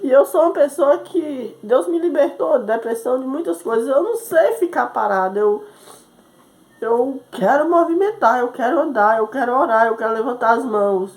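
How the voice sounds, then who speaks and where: This woman preacher, a missionary, relates her testimony sermon-style, performing the voices of others in the story and often dropping in "né?". She speaks at a moderate pace in a high voice with lively intonation.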